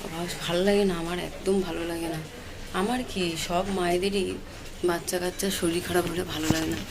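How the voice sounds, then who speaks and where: Tired Bengali mother vlogging softly. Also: fairly low pitch, steady tone, fast talker, crowd noise. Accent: Kolkata Bengali. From West Bengal, India. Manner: talks softly, repeats herself, asks "ঠিক আছে?". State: tired from no sleep. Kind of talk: casual vlog chat to viewers. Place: home, kitchen and bedroom.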